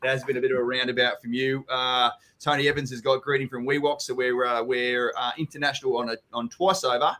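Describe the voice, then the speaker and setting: An Australian man, a company general manager, co-hosts a live online property Q&A, reading viewer comments aloud in a casual, blokey manner and swearing freely. His medium-pitched voice is steady, brisk and bright, pushed forward with few pauses.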